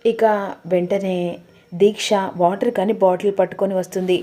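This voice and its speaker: A woman's voice: mid-range voice, normal speed, background noise. A woman narrating the plot of a television serial episode, voicing each character herself. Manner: steady storytelling, voicing every character. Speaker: channel narrator.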